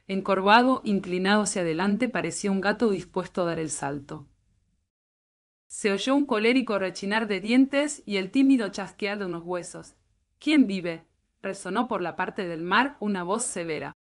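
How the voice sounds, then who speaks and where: A woman narrating a story in a calm, soothing bedtime reading voice. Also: medium pitch, moderate pace. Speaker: audiobook narrator.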